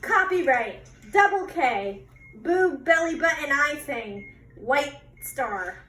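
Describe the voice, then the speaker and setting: A woman's voice: sits high, lively intonation, slow, pushed and bright. A woman hosting a vlog in casual, chatty talk. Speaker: vlog host. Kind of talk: casual chat. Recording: echoey room, faint background noise.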